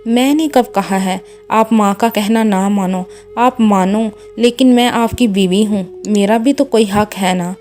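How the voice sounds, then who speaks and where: A woman's voice: medium pitch, hardly any pauses, darkish tone, faint music behind, natural voice. Woman voicing a distraught, pleading young wife. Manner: pleading, tearful.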